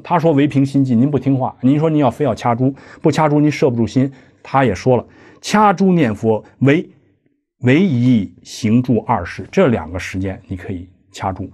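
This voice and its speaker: A man lecturing on an old text, reading out each line and then explaining it in everyday words. His voice is mellow and slightly husky. He keeps turning to his listeners with questions as he talks. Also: mid-range voice, expressive, normal speed. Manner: explains line by line with conversational asides and rhetorical questions. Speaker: lecturer on Buddhist practice. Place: lecture hall.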